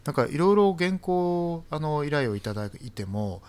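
Guy hesitating a lot, lots of fillers, pitch goes all over. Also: very animated, smooth. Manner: halting, many fillers, soft-spoken with bursts of laughter. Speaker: poet and essayist guest. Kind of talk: casual talk-show conversation.

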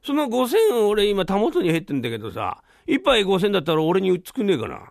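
A man's voice: high-pitched, huge pitch swings, fast, no echo, clean studio sound, voice pushed up, heavily acted. Give me a man playing a whiny, broke young drinker in old speech. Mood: wheedling. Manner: whiny, wheedling, rough-spoken. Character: broke, tipsy younger man carrying sake keg.

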